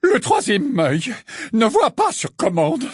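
A man's voice: very high-pitched, big pitch swings, extremely slow, fairly bright tone, no echo, clean studio sound, voice pushed up, heavily acted. A man voicing an eccentric older female seer who speaks in a dramatic, mystic, trembling way. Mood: indignant. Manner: quavering, theatrical, mystic.

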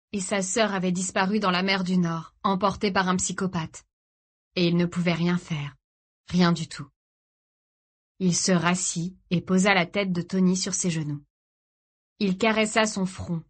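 A woman reading a dramatic novel aloud in a steady, grave storytelling voice. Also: on the low side. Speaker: audiobook narrator. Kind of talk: scripted dramatic narration.

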